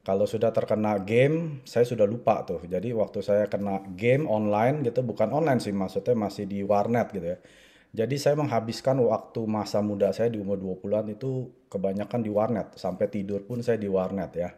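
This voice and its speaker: A man in his forties, originally from Indonesia, recounts his own journey to listeners in a relaxed, conversational way. His voice sits a little low and sounds very dark and mellow. He keeps tagging his sentences with small fillers. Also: a little fast. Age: 40s. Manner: conversational, frequent filler "ya" and "gitu". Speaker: network marketing speaker. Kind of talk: personal story talk to an audience.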